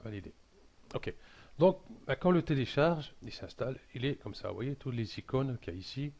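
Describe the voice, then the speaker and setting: A man talking through a casual software tutorial, hesitant and full of fillers and restarts. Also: mid-range voice, animated, normal speed.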